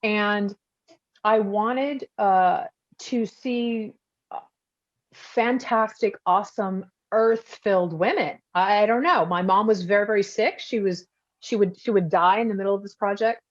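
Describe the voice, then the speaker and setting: A woman's voice: mid-range voice, unhurried. A woman from Texas, an author and documentary photographer, talking casually and reflectively with many restarts during an online event. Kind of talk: casual talk answering audience questions. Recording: dull lo-fi video call audio.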